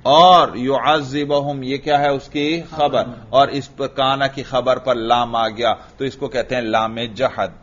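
A man's voice: medium pitch, fairly even intonation, a little slow, few pauses, fairly bright tone, muffled recording. A man from Pakistan with a Pakistani Urdu accent, teaching a grammar lesson to a class. He drills students with repeated questions and chants Arabic examples. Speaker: religious teacher.

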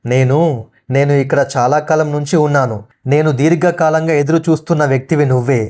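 A man voicing the ghost of a young woman, gentle and protective, speaking softly and reassuringly in a horror story narration. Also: a little high, fairly even intonation, brisk, close to an everyday voice.

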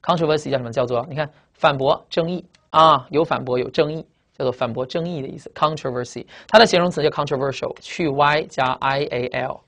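Brief: man, brisk vocabulary lecturer, repetitive, full of rhetorical questions. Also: fairly high pitch, creaky, fairly bright tone. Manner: explains and repeats with many rhetorical questions and drawn-out "啊". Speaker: English vocabulary teacher. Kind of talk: classroom lecture.

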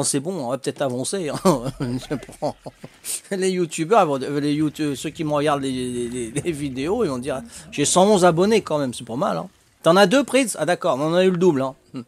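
An older man talks casually to his stream chat as he plays. His voice sits a little high for a man. He is jovial and chatty, laughs often and keeps dropping little fillers. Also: brisk. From Corsica. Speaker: livestreaming gamer. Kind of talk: casual livestream chat with viewers.

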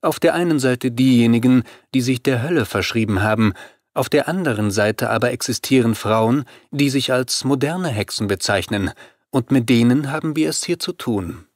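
A man voicing a scornful female vampire queen who speaks calmly and mockingly in an audiobook. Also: mid-range voice, moderate pace, dry recording, clean studio sound, lightly acted.

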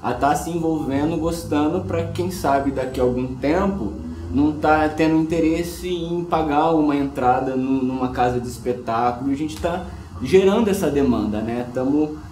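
A man's voice: a little high, moderate pace, darkish tone, a little hiss or hum. A man earnestly explaining the social side of street theatre in an interview. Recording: roomy, distant.

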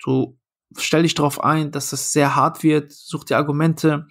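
A man's voice: on the high side, flat delivery, measured pace, gravelly. A young man, a comedian and food founder, telling a story casually in a podcast interview, acting out quoted dialogue with lots of fillers.

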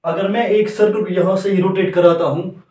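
A man's voice: sits high, steady tone, moderate pace, a little mellow. A male teacher giving a lecture, stepping through a diagram point by point and repeating each step. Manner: repetitive, walks through each step with "here" and "like this". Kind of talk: lecture explaining at a board. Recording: echoey classroom, mic from a distance.

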